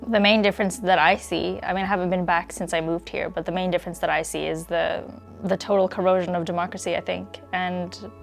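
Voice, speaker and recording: A woman's voice: fairly low pitch, steady tone, fairly quick, gravelly, few pauses, faint music behind. A woman from Hong Kong, interviewed with her voice disguised, speaking thoughtfully with fillers.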